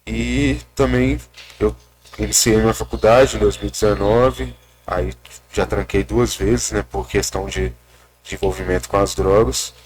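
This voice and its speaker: Hesitant young man, lowish voice. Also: fairly even intonation, a little mellow, a little hiss or hum. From Minas Gerais, Brazil. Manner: hesitant, many restarts and pauses. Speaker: interviewee in rehab. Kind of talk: casual personal account. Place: rural rehab center.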